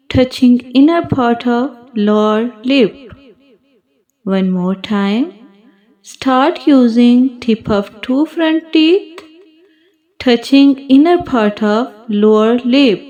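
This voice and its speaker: Very slow-speaking woman teaching letters. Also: a little high, darkish tone, dull audio. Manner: slow, deliberate, repeats each sound for pupils. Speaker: Quran teacher. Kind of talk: slow children's alphabet lesson.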